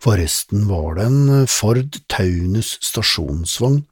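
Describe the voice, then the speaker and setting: A shrewd young kid from an audiobook who reasons things out step by step in a measured way, as a man voices the part. The voice is husky and lowish, close to the reader's own. The sound is dry, with no room around it. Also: animated, no room sound. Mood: reasoning. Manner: explaining, measured. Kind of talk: audiobook character voice.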